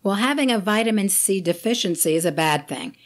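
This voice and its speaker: A woman physician hosting a health talk, explaining remedies in a clear, lightly joking way. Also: medium pitch, animated, fairly quick. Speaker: physician host. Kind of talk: health advice talk to camera.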